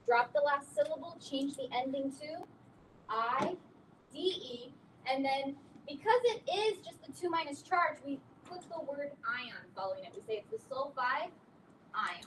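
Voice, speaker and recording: A woman's voice: high-pitched, expressive, normal speed. A woman teaching a chemistry lesson, patiently explaining naming rules and spelling out word endings letter by letter. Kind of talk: recorded classroom lesson. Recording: distant mic with clear background noise.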